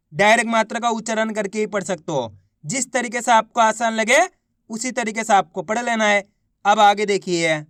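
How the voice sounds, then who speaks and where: A man's voice: sits high, a bit bright, clean tone, dry recording, clean studio sound. A man teaching beginners to read, sounding out words syllable by syllable and asking the viewer questions. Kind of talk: reading lesson for beginners.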